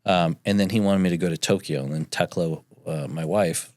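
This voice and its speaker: A man's voice: sits low, a little fast, a little mellow, no echo, studio quality. A man in his forties, a chef, recounting his career in a casual interview, rambling and full of fillers. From North Dakota. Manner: rambling, with frequent fillers and restarts. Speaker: chef and entrepreneur, podcast guest.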